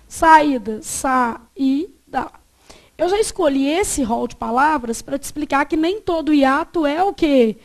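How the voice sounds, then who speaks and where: A woman with a Brazilian accent teaching a grammar class, asking the students to fill in words and repeating the answers. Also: high-pitched. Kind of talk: classroom lecture.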